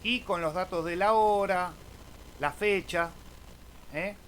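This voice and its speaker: An Argentine man with a high, slightly bright voice speaks slowly while running a casual screen-share tutorial for his amateur radio YouTube channel. He often tacks a questioning "eh?" onto his phrases, and the background noise comes through clearly.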